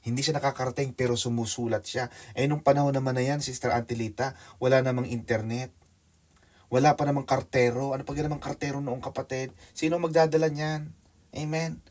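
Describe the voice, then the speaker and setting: Male preacher, church sermon, addresses congregation by name, shifts from excited loud to hushed, mid-range voice. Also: medium pitch, a little fast. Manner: addresses listeners by name, mixes Tagalog and English; swings between loud excited telling and quiet hushed asides. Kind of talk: sermon with illustration story.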